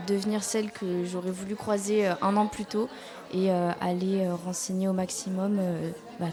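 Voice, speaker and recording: A woman in her twenties, a student, answering as a radio panel guest in a chatty way with fillers. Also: medium pitch. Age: 20s. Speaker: student, programme ambassador. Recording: crowd noise at a public event.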